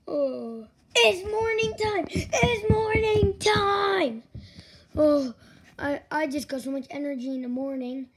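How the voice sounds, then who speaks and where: A woman's voice: high voice, fairly even intonation, moderate pace, warm tone, slight background noise, pitched below the performer's own voice. A woman voicing a spoiled, whiny little boy who pleads and whines in a home toy skit. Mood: excited.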